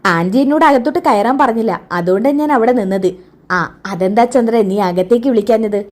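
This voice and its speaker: Woman doing a quick lively recap of a tv serial, voice a little high. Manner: lively retelling with quick switches between characters. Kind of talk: retelling a TV serial episode, voicing all the characters.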